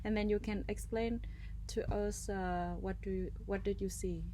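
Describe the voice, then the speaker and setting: A woman's voice: medium pitch, fairly even intonation, moderate pace, mellow. A woman with a mid-range voice hosts a casual podcast interview, asking long, winding questions and murmuring along. Faint hiss runs under her voice. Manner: chatty, rambling questions with frequent backchannel. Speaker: podcast host.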